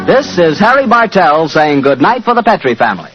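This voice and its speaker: A man's voice: a little high, big pitch swings, fairly quick, over music. A man with an American accent, announcing and reading sponsor copy as a 1940s radio host. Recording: dull lo-fi 1940s radio recording.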